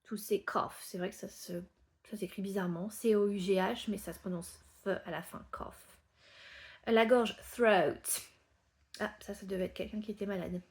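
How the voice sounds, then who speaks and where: A woman whose first language is French, teaching English pronunciation. She repeats each word patiently and drops into soft asides when she explains. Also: mid-range voice, fairly even intonation, moderate pace. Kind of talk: pronunciation lesson.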